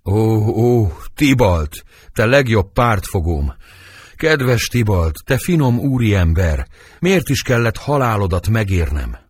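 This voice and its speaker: A man's voice: lowish voice, big pitch swings, breathy edge, no room sound, clean studio sound. A wailing old nurse, read by a man. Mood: lamenting. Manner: lamenting, wailing verse reading. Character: old nurse, fussy and grieving woman. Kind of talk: dramatic verse reading.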